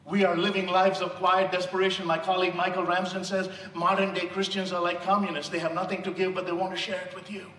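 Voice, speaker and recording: An Indian motivational speaker with an Indian accent delivers an impassioned, sermon-like speech that swells into loud emphasis. His high voice barely shifts in pitch, and he talks fast with few pauses. The distant mic picks up an echoey hall and a little hiss or hum.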